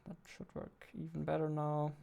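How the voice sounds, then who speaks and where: In this casual coding devlog, a male indie game developer in his 20s, also the host, thinks aloud in clipped fragments as he works. He sits at a computer desk indoors, faint music playing over keyboard clicks and typing. His voice runs on the high side and completely flat, at normal speed, mellow, clear and resonant with vocal fry.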